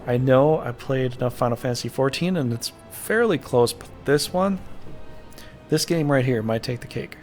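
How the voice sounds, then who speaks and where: A man's voice: mid-range voice, moderate pace, faint music behind. A young man streaming a game late at night, rambling casually about the game and his channel into a desk mic. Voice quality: rambling, self-deprecating, gravelly. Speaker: gaming streamer. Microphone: desk microphone.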